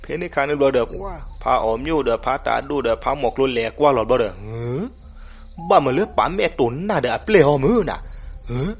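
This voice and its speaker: A man narrating a folk legend, animated and switching voices for the characters. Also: medium pitch, a little fast. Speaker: storyteller. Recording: noisy recording with crickets behind.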